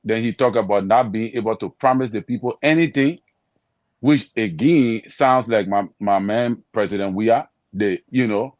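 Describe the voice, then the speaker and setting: A man's voice: lowish voice, moderate pace, darkish tone, dry recording. A man giving frank, critical political analysis in a conversational way. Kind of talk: panel discussion.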